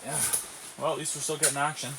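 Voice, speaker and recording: A man's voice: a little high, little pitch movement, quick pace, creaky. A man giving casual, slangy fishing vlog commentary in a laid-back way, recorded on location. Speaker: fishing vlogger. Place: inside an ice fishing tent and outdoors on a lake. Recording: noisy outdoor ice fishing recording.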